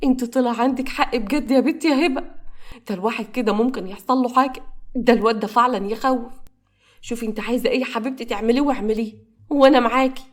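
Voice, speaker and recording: A woman's voice: a little high, very fast, lightly acted. A woman voicing Soad, a coaxing protective Egyptian mother.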